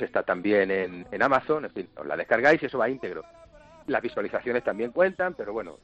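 Hombre contando historias en una entrevista de radio, sonido apagado. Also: male voice, medium pitch, muffled recording. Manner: chatty, jokey storyteller. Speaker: musician guest. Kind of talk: radio interview.

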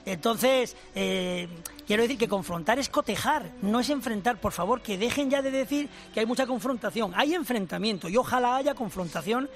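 Older man, high-pitched, emphatic professorial radio guest, faint music under. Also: expressive, normal speed. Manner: emphatic, explanatory, addresses host formally. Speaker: language professor and author.

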